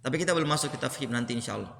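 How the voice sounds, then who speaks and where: Man, patient teacher, bright voice, roomy mosque hall, faint background hum. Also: medium pitch, racing, creaky. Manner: explains patiently, repeats terms, asks the class questions. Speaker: Quran recitation teacher. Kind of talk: classroom lesson.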